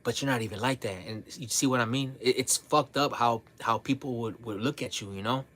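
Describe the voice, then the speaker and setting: A man talking casually to his livestream audience, relaxed and blunt, sprinkling his talk with "man" and "bro", often repeating and restarting his words. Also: medium pitch, fairly quick. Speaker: livestream host.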